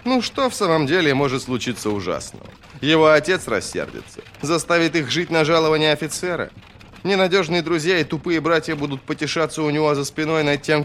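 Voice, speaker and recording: A man narrating a fantasy novel as an audiobook in a steady, expressive reading. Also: on the high side, a little hiss or hum.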